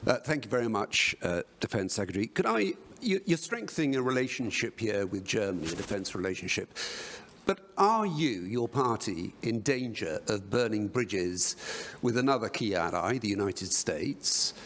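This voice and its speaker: A man's voice: lowish voice, big pitch swings, normal speed, a bit bright. A male journalist putting pointed questions to ministers at a press conference.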